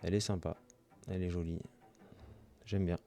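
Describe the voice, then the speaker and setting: A man's voice: low voice, level tone, normal speed, dark tone. A man hosting his own channel, opening trading card packs in casual commentary, reading off card names and gushing with delight over his pulls.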